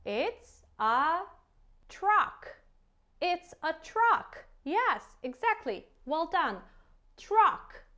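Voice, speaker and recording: A woman's voice: extremely high pitch, sing-song, bright, forceful tone. A woman teaching English to a small child, using simple repeated phrases and questions, stretching out key words and giving lots of encouraging praise. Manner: exaggerated, drawn-out key words. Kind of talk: interactive children's vocabulary lesson.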